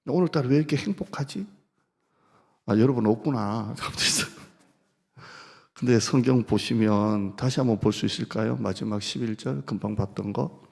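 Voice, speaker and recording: A man's voice: mid-range voice, moderate pace, creaky, a little mellow, husky. A male pastor preaching a sermon, leading his congregation through Scripture readings and call-and-response, and telling stories in a humorous, conversational way. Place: church sanctuary. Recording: reverberant church hall.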